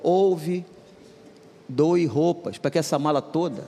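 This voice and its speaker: A preacher voicing the quiet, insistent inner voice of God in his story, speaking slowly and softly. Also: a little high, big-room sound, faint music behind.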